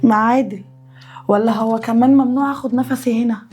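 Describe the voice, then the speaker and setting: A woman's voice: on the high side, fairly even intonation, fast, warm tone, faint music behind, natural voice. An actress with an Egyptian accent playing a proud young woman, formerly rich, talking bitterly and sarcastically. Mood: defiant. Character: proud young sister-in-law, fallen from wealth.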